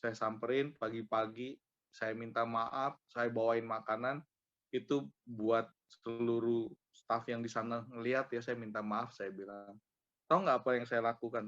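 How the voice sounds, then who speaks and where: A man telling a personal testimony to his small group in a casual, animated way, full of repeated filler tags. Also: mid-range voice. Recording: dull lo-fi recording.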